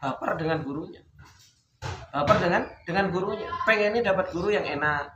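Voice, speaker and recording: A man's voice: high voice, fairly quick. A young man giving an informal religious talk, telling stories and asking rhetorical questions. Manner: storytelling with rhetorical questions, Javanese words mixed in. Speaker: religious teacher. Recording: echoey room with background noise.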